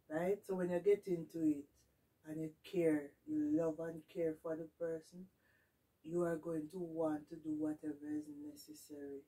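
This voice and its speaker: A woman's voice: low voice, warm tone. A middle-aged woman with a Jamaican accent chatting casually to camera, giving advice emphatically, repeating her points and slipping into Patois. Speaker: vlogger. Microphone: distant camera mic. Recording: distant camera microphone in a room.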